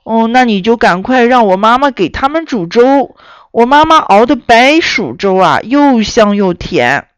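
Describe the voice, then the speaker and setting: A woman's voice: a little high, very animated, a little slow, clean tone, no echo. A woman voicing a naive, polite little piglet boy in a children's story, chatting innocently.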